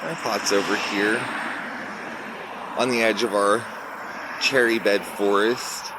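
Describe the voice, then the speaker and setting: Taking it slowly with a lowish, fairly even voice, a man gives viewers a casual tour of his garden, pointing out plants along the way. He sounds a little congested. The handheld phone recording was made outdoors near a road, with faint traffic and outdoor ambience.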